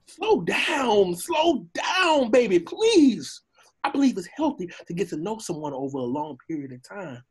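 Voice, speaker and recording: A jittery cartoon donkey acted out by a man with a husky voice that swings all over. He babbles and pleads, tripping over his own anxious protests. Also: a little high, big pitch swings, quick pace, few pauses, mellow. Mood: nervous pleading. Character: nervous fast-talking male talking donkey, pleading and jabbering. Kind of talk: comic animated-film character acting.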